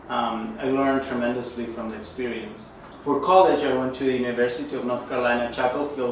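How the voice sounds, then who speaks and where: Brief: man, 30s, from Chile, Spanish native, consultant testimonial; earnest, halting, many restarts; mic set back in a roomy, echoing space. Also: mid-range voice, slight background noise. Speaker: management consultant. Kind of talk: testimonial interview. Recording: echoey room, distant mic, music underneath.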